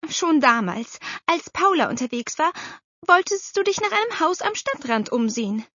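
A woman voicing a brisk, bossy middle-aged aunt who talks emphatically, in a storybook reading. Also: high-pitched, very animated, pushed and bright, no room sound, pitched above the performer's own voice, exaggerated voice. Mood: scolding. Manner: emphatic, scolding. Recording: slightly dull dry recording.

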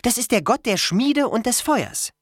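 A reader raising the pitch for a confident teenage girl leader. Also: lively intonation, a little slow, no echo, studio quality. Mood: firm. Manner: firm, reassuring, takes charge. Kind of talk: audiobook character voice.

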